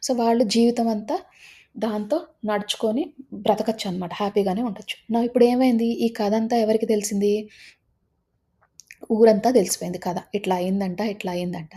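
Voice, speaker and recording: A woman telling a folk tale, retelling it in a lively way and putting on voices for the characters. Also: a little high, normal speed, long pauses, breathy edge. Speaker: storyteller.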